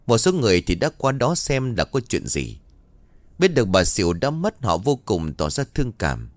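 Low-voiced male ghost-story narrator. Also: normal speed, no room sound. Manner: dramatic, expressive storytelling.

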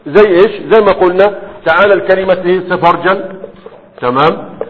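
A man teaching a class in a lecture style, constantly checking understanding with quick questions to his students. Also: high-pitched. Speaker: teacher of Arabic morphology. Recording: tinny phone-like sound with long hall echo.

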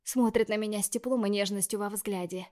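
A woman reading first-person scripted narration in a measured, expressive way. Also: mid-range voice. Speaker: audiobook narrator.

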